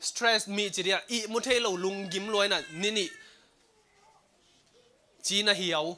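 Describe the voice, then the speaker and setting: A male preacher with a high, bright voice delivers his sermon at an unhurried pace. He is animated and laughs now and then as he speaks to the congregation. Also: slight background noise. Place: church service streamed online.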